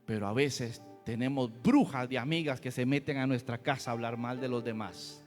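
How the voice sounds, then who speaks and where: A man's voice: mid-range voice, moderate pace, long reverb tail, faint music behind. A man preaching a fiery, folksy sermon as a pastor, full of rhetorical questions. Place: church.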